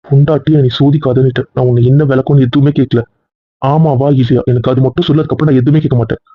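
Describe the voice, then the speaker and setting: A man's voice: medium pitch, steady tone, quick pace, slightly rough, no echo, close to an everyday voice. A man acting as a worried husband who pleads with his wife and grows heated, in an amateur serial drama. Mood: pleading. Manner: pleading, then heated and insistent. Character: worried, possessive young husband. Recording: dry, tinny phone-like recording.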